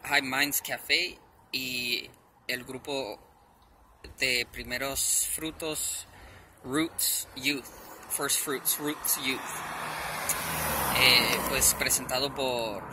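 A man speaking casually into a handheld phone outdoors, announcing a community event in a slow, halting way with many restarts. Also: mid-range voice, fairly even intonation. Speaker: presenter of a community event video. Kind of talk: casual spoken announcement with prayer. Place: outdoors by a street. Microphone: handheld phone camera. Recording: loud outdoor noise with traffic. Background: passing cars and street ambience.

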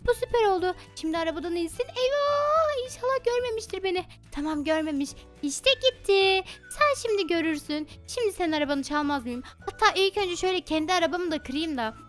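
A woman gaming YouTuber giving excitable, plotting role-play commentary over a game, talking straight to her viewers. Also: very high voice, fairly quick, hardly any pauses, soft background music. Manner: plotting, mock-indignant storytelling.

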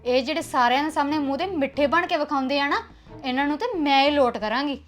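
A woman's voice: sits high, quick pace, soft background music, lightly acted. Young woman playing a defiant headstrong bride. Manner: blunt, defiant. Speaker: actor. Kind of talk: web series drama acting.

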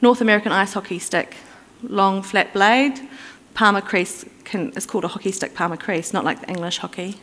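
A woman with a medium-pitched, slightly bright voice gives a conference presentation, explaining things conversationally with fillers and restarts. The recording picks up the reverberation of the conference hall.

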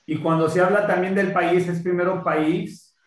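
A man's voice: sits high, steady tone, moderate pace, roomy sound. A man taking an online Mandarin lesson as a student, speaking hesitantly and trying the words again and again.

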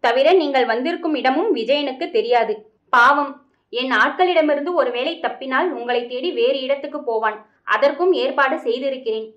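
Stern threatening villain guy, read by a woman, high voice, kinda muffled storybook audio. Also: normal speed, fairly bright tone. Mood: stern, menacing. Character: scheming menacing male kidnapper, grown man.

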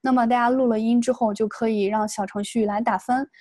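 A woman's voice: a little high, fairly even intonation, dark tone, no echo. A woman, teaching an online exam-prep lesson in a patient, explanatory way. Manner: patient, explanatory, models English words slowly. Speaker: English test tutor.

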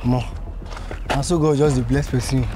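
A man's voice: medium pitch, steady tone, moderate pace, background noise, lightly acted. A young male actor with a Nigerian Pidgin accent playing a squeamish, jittery would-be kidnapper in a screen comedy. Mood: excited. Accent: Nigerian, speaking Pidgin. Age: young adult. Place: outdoors on a roadside.

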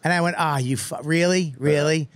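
A man hosting a podcast, telling a comic story in an animated, profane way and acting out other people's lines. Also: fairly high pitch, normal speed, dry recording. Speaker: podcast host.

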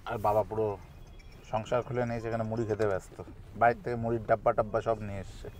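A man, narrating a travel vlog in a chatty, excited way as he drives through hill villages. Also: fairly low pitch, fast talker. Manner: chatty, excited about scenery. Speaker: travel vlogger. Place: outdoors on a road trip, in and around a car. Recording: noisy outdoor recording with traffic.

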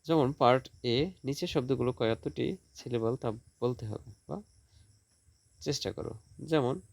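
A male teacher giving a school lesson, sounding out example words slowly, with a Bangladeshi Bengali accent. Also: mid-range voice, gravelly, darkish tone, no room sound. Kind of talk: classroom lesson for school students.

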